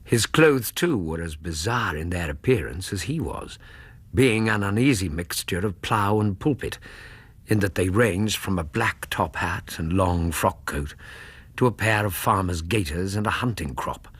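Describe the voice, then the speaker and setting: A man acting a detective's doctor companion who narrates a radio drama in a husky, measured, literary way. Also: low voice, animated, a bit bright, no echo, exaggerated voice. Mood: measured narration.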